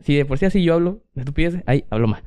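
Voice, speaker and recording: A young man co-hosting a podcast, swapping stories in loose casual chat. His voice is mellow and smooth, and he laughs often and acts out what others said. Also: fairly high pitch, animated, very fast. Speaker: podcast co-host.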